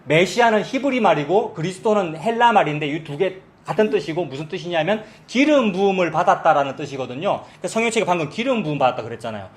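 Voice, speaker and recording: Middle-aged pastor guy preaching, high voice that jumps all over, chatty and asks the crowd stuff. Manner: lively, conversational preaching with rhetorical questions to the congregation. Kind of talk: sermon.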